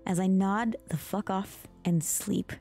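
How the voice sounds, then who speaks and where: A woman reads a bedtime storybook aloud in a soft, ASMR-style voice, unhurried and mellow in tone. She slips into whispers now and then and makes mock-exasperated asides, with faint music playing behind her. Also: mid-range voice, fairly even intonation, creaky. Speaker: streamer reading aloud.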